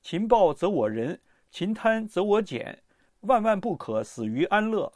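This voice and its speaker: A man narrating a history audiobook in a lively, expressive storytelling manner. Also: high voice, measured pace, no room sound, clean studio sound.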